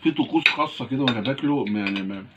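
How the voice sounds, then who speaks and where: Egyptian man, very fast, repetitive replies. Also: mid-range voice. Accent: Egyptian Arabic. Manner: short reassuring replies, repeated over and over. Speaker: couple vlogger. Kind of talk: casual banter. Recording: muffled, distant, noisy home recording with clatter.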